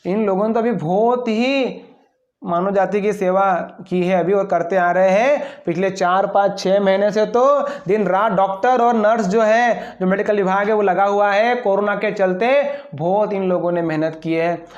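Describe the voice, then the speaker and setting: A man's voice: sits high, steady tone, measured pace. A male English teacher giving a class lesson. He poses each question and answers it himself, with playful asides between the words. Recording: dull lo-fi recording.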